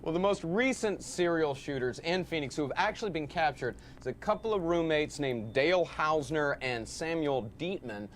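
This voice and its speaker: A man's voice: on the high side, expressive, normal speed, few pauses, slight background noise. A man on a comedy podcast reading crime news items aloud between jokes.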